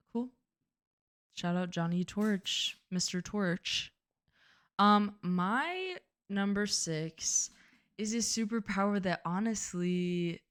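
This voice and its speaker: A young woman co-hosting a podcast in casual chat, talking chattily and self-deprecatingly with lots of "like.". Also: medium pitch. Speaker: podcast co-host.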